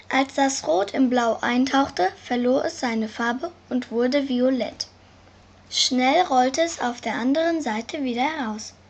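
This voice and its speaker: A woman reading a children's story aloud as narrator, in a slow, careful way. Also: high-pitched, vocal fry, husky. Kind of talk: scripted narration.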